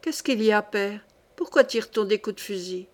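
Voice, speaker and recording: A woman voicing a gentle young girl with a soft, hushed voice in a storybook reading. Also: mid-range voice, moderate pace, lightly acted. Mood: drowsy.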